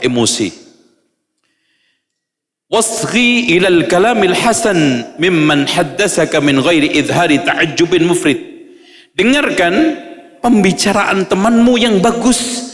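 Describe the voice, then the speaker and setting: A man preaching, reading Arabic lines and explaining them in a lively way, acting out little examples with humor. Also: on the high side, long reverb tail. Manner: lively, acts out examples, jokes with audience. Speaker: Islamic preacher.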